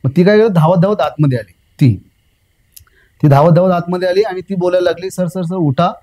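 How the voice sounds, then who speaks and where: A young man recounting something that happened to him in casual storytelling, repeating himself, filling pauses with "uh" and calling the host sir. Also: high voice, dark tone, poor audio. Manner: rambling, repeats phrases, fills pauses with "uh", addresses the host as sir. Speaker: guest recounting a personal experience.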